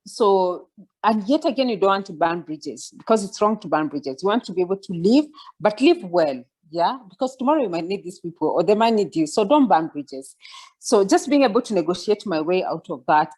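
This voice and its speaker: A guest speaker in her forties reflects aloud in a mentoring talk on a video call, with frequent fillers and restarts, and asks the audience to follow along. Her voice is fairly low, darkish and slightly rough.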